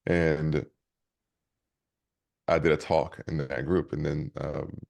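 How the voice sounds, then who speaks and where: A man's voice: very deep voice, little pitch movement, takes it slowly, creaky, darkish tone. A man who is a leadership coach and speaker, telling stories energetically in an interview with many restarts. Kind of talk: conversational interview storytelling.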